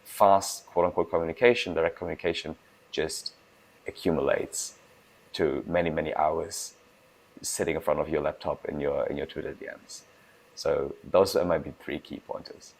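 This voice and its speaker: A young man from Germany, a startup founder giving casual interview answers, talking fast with restarts and emphasis. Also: extremely low pitch, steady tone, creaky, poor audio. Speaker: guest, food startup founder.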